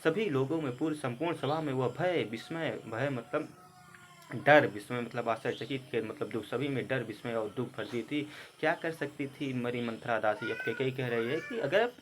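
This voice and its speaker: A man's voice: medium pitch, moderate pace. Guy teaching a poem, reads a line then explains each word, medium voice, bit of faint noise behind. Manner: reads verse then paraphrases, word by word glosses.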